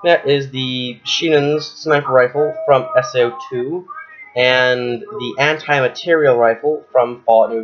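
A man's voice: medium pitch, muffled recording. A young man giving a casual, rambling vlog update about his handmade replica guns, with lots of ums and little laughs. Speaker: maker selling wooden replica guns.

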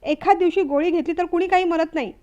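A woman's voice: sits high, a little fast, a little mellow, dull audio, lightly acted. A woman voicing a worn-down young wife who answers back sharply. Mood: angry.

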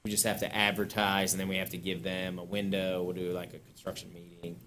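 Low-voiced man rambling at a meeting. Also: monotone, brisk, fairly bright tone. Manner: casual, rambling, chuckles between points. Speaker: parks director presenting to a board. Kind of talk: public meeting discussion. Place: town council chamber, indoors.

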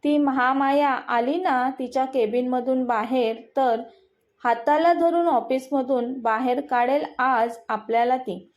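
A woman's voice: high-pitched, steady tone, takes it slowly. A woman narrating a romantic story and reading every character in her own voice.

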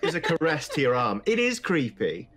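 A man narrating as the dungeon master of a tabletop game, playful and halting with frequent ums. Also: a little high, very animated, fairly bright tone.

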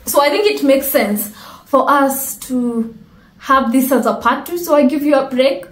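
High-voiced Kenyan woman in an echoey room. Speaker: reaction video host. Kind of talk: casual reaction commentary. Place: indoor room with curtain backdrop.

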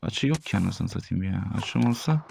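A young man in his twenties from Turkey talks over his own shooter gameplay in a low-pitched voice. He is excitable and swears, and he bursts out loud at the enemies he sees. Game gunfire sounds clearly behind him. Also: moderate pace, noisy background. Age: 20s. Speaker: gaming streamer. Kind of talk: live gameplay commentary.

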